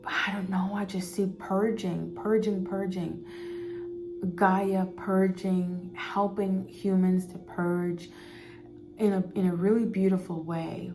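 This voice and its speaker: A woman's voice: medium pitch, level tone, slow pace, background noise. A woman giving a casual spiritual card reading, meandering and repeating words as she goes. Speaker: intuitive card reader.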